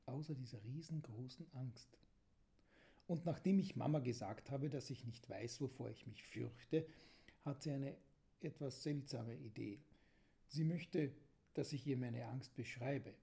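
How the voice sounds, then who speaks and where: A man reading a children's story aloud in a calm, gentle way, sometimes dropping to a whisper. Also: medium pitch, creaky.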